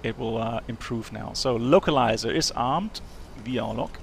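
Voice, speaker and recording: A man streaming a flight simulator, speaking in a halting, matter-of-fact way. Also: mid-range voice, creaky, a little hiss or hum. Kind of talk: casual live-stream chat.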